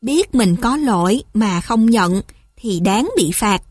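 A woman reading a stern, calm father. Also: a little high, unhurried, no echo, studio quality. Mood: firm. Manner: calm, firm. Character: stern but gentle father.

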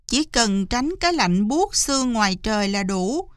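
A woman's voice: sing-song, normal speed, smooth, no room sound, clean studio sound. A woman voicing a sly, boastful male fox who whines and fake-cries in a storybook reading. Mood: whiny. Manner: high, shrill, wailing and whining.

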